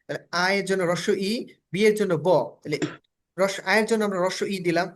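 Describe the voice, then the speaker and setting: A Bangladeshi man, a native Bengali speaker working as a spoken English teacher, leads a step-by-step phonics lesson in a high, fairly bright voice at a quick pace. He drills letter sounds and checks in with his students often.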